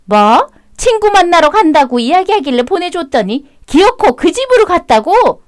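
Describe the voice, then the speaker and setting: A woman voicing an obsessive, clingy mistress in her forties who talks in a shrill, indignant, bossy way. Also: big pitch swings, normal speed, no room sound, clean studio sound.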